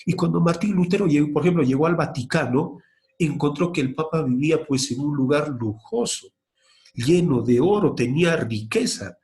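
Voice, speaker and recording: A questioning, animated male history teacher. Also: moderate pace. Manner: asks questions and answers them himself, lively rises in pitch. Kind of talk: classroom history lesson.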